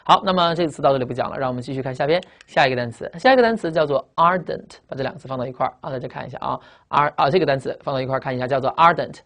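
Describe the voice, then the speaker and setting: A male teacher runs through English vocabulary at a brisk, quick clip. He repeats each key word several times and keeps asking rhetorical questions. His voice sits at an ordinary pitch for a man. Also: fairly bright tone. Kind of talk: recorded vocabulary lecture.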